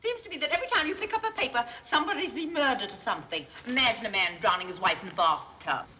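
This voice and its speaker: High, flighty screwball society mother. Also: expressive, fast talker, pushed and bright. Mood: airy, chatty. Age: middle-aged. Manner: screwball comedy banter, scatterbrained. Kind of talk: 1930s film comedy acting. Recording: dull, noisy 1930s film soundtrack.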